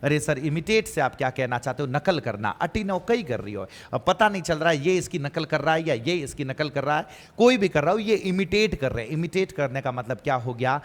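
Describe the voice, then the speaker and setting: A man's voice: a little high, lively intonation, a little fast, few pauses. Man lecturing in an echoey hall. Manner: repeats key words, asks and answers his own questions. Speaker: teacher. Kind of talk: exam-prep English vocabulary lecture.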